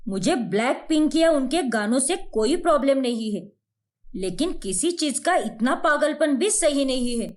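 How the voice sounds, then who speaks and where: A woman's voice: high voice, lively intonation, normal speed, a little mellow. A woman voicing an irritated young husband in a cartoon story, scolding his wife. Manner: scolding, exasperated. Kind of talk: cartoon voice acting.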